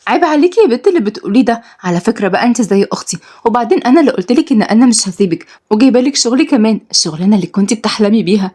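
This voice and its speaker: A woman with an Egyptian accent voicing a loyal, brisk young best friend who scolds and reassures. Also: on the high side, lively intonation, warm tone, breathy edge. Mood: scolding.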